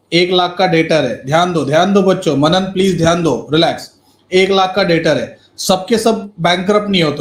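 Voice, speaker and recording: High-voiced teacher, echoey room. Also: male voice. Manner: mixes Hindi and English, quizzes students by name. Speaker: accountancy teacher. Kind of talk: live online class lecture. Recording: roomy echo.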